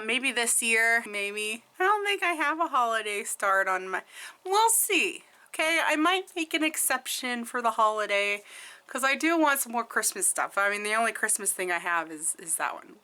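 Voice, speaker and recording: A woman talks slowly and loosely through a crafting vlog, wandering off track and correcting herself. Her voice sits a little high and has a bright, forward tone. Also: smooth. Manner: chatty and rambling, self-correcting. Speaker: cross-stitch vlogger. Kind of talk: casual chat.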